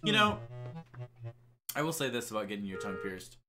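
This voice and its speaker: A man's voice: on the low side, sing-song, fairly quick. A young man with a tongue piercing chats casually while streaming a game, rambling, self-deprecating and tripping over his words. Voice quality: talks around a tongue piercing. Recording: music playing behind the voice. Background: loud music.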